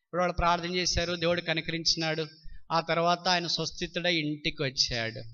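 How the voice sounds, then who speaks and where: A man preaching a sermon, telling a story and acting out its dialogue in animated voices. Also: fairly high pitch, fast, clean tone. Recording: dull lo-fi sound.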